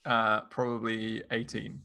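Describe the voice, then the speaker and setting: A man's voice: fairly low pitch, monotone, unhurried, creaky, pushed and bright, dry recording. A man chatting casually as a player in a tabletop role-playing game.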